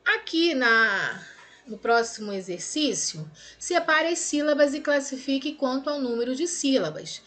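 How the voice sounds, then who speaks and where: With hardly any pauses and at a moderate pace, a high-voiced woman with a Brazilian Portuguese accent walks students through grammar in a recorded lesson correcting exercises. She goes step by step, draws words out syllable by syllable, and frequently checks in with the class.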